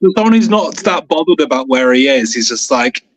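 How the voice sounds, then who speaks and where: A man co-hosting a podcast in casual chat, a relaxed and wry storyteller. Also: mid-range voice, a little fast, low-quality recording. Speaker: podcast co-host.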